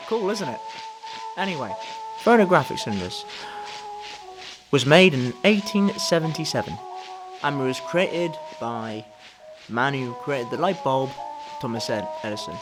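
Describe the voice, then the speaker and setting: A young male student presents a news-style history video with enthusiastic, informal exclamations. His voice is fairly high, music plays behind him, and the audio quality is poor.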